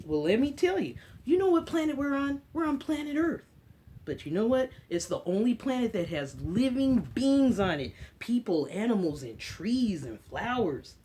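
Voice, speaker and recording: Here an American woman runs a children's read-aloud session, speaking in simple, brief phrases and asking the kids questions as a teacher would. She has a high voice with a dark tone, and a little hiss or hum is audible.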